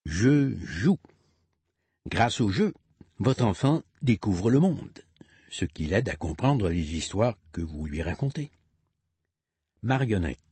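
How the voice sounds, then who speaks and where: A man slowly reading a booklet of tips for parents aloud, breaking into a playful sung rhyme with sound effects. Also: lowish voice, sing-song, warm tone, breathy edge, no echo. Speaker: reader of a parents' literacy booklet. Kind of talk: slow read-aloud narration with sung rhyme.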